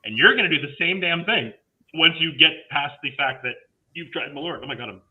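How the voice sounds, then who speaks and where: A man's voice: on the high side, animated, brisk. A man guest telling playful stories with frequent laughs on a video call. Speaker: guest, tiki designer. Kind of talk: casual video-call chat. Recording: tinny phone-like line.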